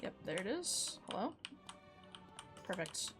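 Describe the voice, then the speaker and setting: A woman's voice: medium pitch, big pitch swings, slow pace, over music. A young woman giving casual, chatty commentary while playing a video game. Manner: chatty, amused asides. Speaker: gaming streamer.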